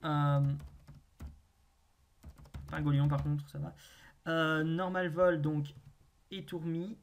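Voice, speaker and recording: A gaming video host thinking aloud through a naming quiz, hesitant with drawn-out pauses and wry self-mocking asides. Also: mid-range voice, level tone, highs cut off, slight background noise.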